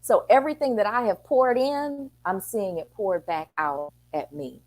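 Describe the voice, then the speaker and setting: A woman's voice: medium pitch, a little slow, darkish tone. A middle-aged woman, a city council member and parent, talking earnestly on a talk show and acting out the exchanges she quotes. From Texas.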